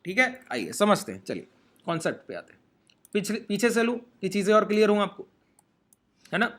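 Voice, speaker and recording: A man teaches a trading lesson over a screen share. His voice sits high and sounds bright and forceful. He walks through each step and keeps checking in with his listeners. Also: huge pitch swings, fairly quick.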